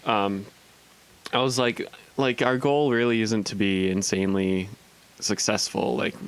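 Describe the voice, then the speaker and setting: Young guy with a gravelly, lowish voice, rambling on a chill podcast. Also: fairly even intonation, a little slow, rough recording. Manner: rambling, filler-heavy, says like a lot. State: working and in school. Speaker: podcast co-host. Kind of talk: casual chat.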